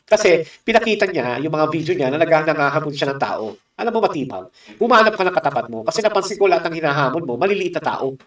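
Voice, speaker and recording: Fast, combative man in an echoey room. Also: a little high, big pitch swings, far from the mic. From Philippines. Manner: combative, mocking, rhetorical asides. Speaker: political commentator. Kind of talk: heated political commentary.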